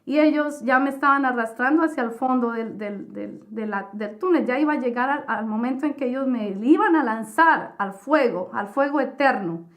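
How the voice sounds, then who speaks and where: Earnest woman giving halting testimony. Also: fairly high pitch. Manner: halting, many fillers and restarts. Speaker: testimony speaker.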